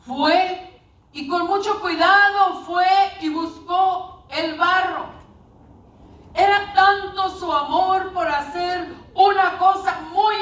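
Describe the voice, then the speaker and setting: A woman preacher tells a parable to her congregation, calling them brothers and sisters. Her voice is high and unhurried. It is picked up from afar in a roomy, echoing space. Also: a bit bright. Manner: storytelling, addressing the congregation as brothers. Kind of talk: sermon. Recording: echoey room, distant mic.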